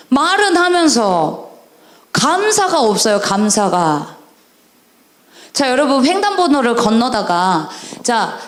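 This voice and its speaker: Animated woman preaching to children. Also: fairly high pitch. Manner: animated, questioning the audience, drawn-out stressed endings. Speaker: evangelist. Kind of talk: sermon to children at a camp service. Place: church sanctuary. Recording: echoey church hall.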